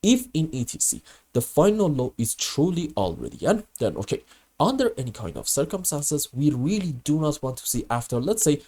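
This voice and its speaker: A man's voice: on the high side, very animated, moderate pace, warm tone, slightly rough. A man with a grating voice from a bad cold, explaining chart analysis in an emphatic, instructional way. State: sick with a cold. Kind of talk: live chart analysis lesson.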